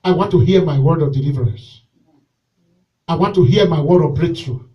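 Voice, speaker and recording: A male pastor preaching a sermon with call and response, moving between shouted exhortation and quiet pleading during a church service. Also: fairly high pitch, brisk, recorded from a distance, dull audio.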